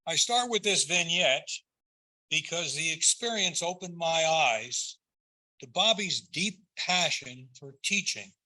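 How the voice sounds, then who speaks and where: An older man delivers a prepared eulogy in a measured, earnest and tender way, phrase by phrase. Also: on the high side, animated, sharp tone, low-quality recording.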